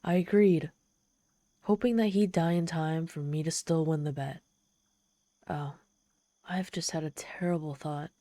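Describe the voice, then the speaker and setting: In an ASMR roleplay, a woman plays a haughty female demon telling her story straight to the listener, her slightly low, mellow voice steady and dry with no echo or room sound. She's theatrical and proud but easily flustered and exasperated, embarrassed and grudging, and her speech halts when she's embarrassed.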